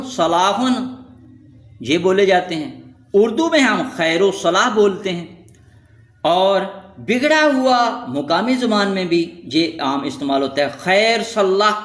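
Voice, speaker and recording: A man teaching a lesson in scripted narration, reading out lists of words slowly and stressing each one. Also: high voice, a bit bright, echoey room. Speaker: Quranic Arabic teacher.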